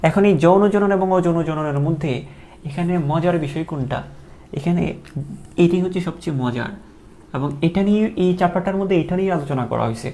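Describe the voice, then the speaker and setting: A man's voice: a little high, fast talker, warm tone, slight background noise. A man teaching a biology class live online, chatty, asking questions and answering them himself.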